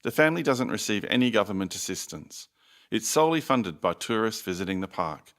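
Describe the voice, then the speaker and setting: A man playing the announcer on a recorded phone message, giving scripted visitor information in a measured, formal, promotional way. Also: lowish voice, lively intonation, fairly bright tone. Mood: courteous, informative.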